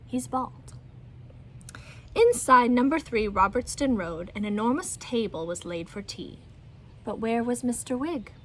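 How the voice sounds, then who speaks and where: A woman reads a children's story aloud in an expressive storytelling style, using a fairly high-pitched voice at a normal speed.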